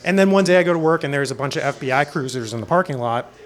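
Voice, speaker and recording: Speaking very fast with a lively, fairly high voice, this middle-aged film director from Florida, United States, tells personal stories as a guest in a casual panel interview.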